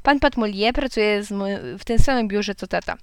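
A woman reading a children's story aloud in a lively, expressive way, with occasional slips she corrects. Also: mid-range voice, moderate pace, clean tone, dry recording. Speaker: narrator.

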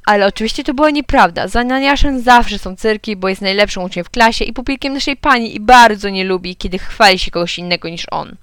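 Woman reading a kids story aloud, smooth clear voice, dry sound. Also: medium pitch, quick pace, few pauses, fairly bright tone, no echo. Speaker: reader. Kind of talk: storybook narration.

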